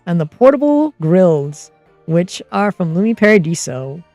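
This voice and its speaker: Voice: mid-range voice, sing-song, unhurried, darkish tone, no echo, soft background music. A streamer and game master of unclear sex chatting casually and explaining tabletop game rules in a rambling way.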